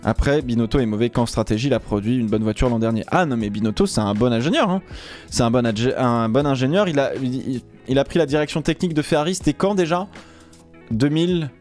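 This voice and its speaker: A man's voice: medium pitch, a little mellow. A man chatting casually on a live stream, rambling with many fillers and restarts.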